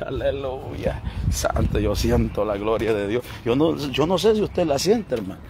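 A man preaching a lively, joking sermon as a pastor, now and then singing snatches of hymns. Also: mid-range voice, measured pace, noisy background. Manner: animated, joking, sings snatches. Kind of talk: lively live-stream sermon.

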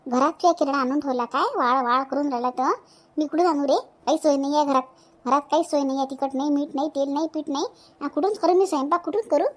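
A high-pitched, sharp-tongued cartoon mother, voiced by a woman, scolding in a broad Vidarbha accent. She is a widow at the end of her patience, nagging and berating her idle grown son. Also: fast talker, natural voice. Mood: exasperated. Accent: Vidarbha Marathi. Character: scolding widowed village mother, middle-aged, fierce. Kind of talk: cartoon voice acting.

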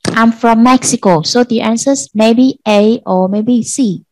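A Vietnamese-accented woman teaching an English class to children, slow and patient, repeating answers for pupils. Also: fairly high pitch, a little mellow, dry recording, low-quality recording. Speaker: primary school English teacher. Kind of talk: online class lesson.

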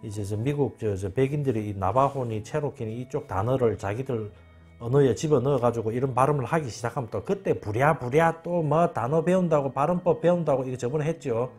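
A man's voice: medium pitch, fairly quick, darkish tone, slightly rough, faint music behind. Emphatic man repeating words. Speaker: channel host. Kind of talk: informal spoken lecture.

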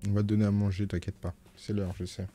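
A man's voice: on the low side, flat delivery, fast, warm tone, soft background music. French man streaming a game at home. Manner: reads game lines in playful put-on voices, chats with viewers. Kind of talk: live game stream, reading dialogue aloud. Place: home, with cats nearby.

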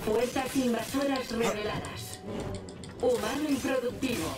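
A woman voicing a stern, dismissive security droid in a video game, speaking in short, flat machine reports. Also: on the high side, measured pace, close to an everyday voice. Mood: cold. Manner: clipped, flat machine announcements. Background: loud game music.

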